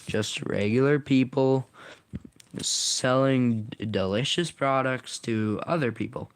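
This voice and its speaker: Man, reading his own story aloud, casual, stumbles and self-corrects, average pitch, dry close sound. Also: slow pace, clean tone, no room sound.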